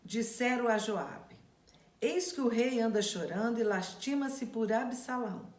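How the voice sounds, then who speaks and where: A woman's voice: a little high, measured pace, darkish tone, reverberant. A woman who reads scripture aloud and then retells it in plain, casual words to her class. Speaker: Bible study teacher. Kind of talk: Bible reading and teaching.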